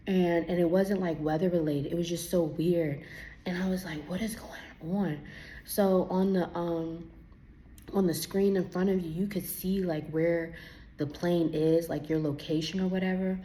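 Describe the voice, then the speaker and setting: A young woman, teary from crying, tells a personal faith testimony in a casual, animated way, acting out her own dialogue. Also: lowish voice, a little hiss or hum. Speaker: vlogger giving a testimony.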